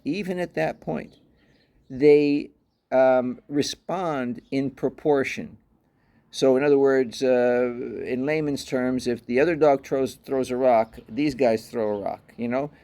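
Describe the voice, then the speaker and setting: A middle-aged man tells a story to his vlog audience about his dog. He rambles and restarts his sentences often, and his voice sits at an ordinary middle pitch. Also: dark tone. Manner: rambling, many restarts and fillers, laughs while telling. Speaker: dog owner and channel host.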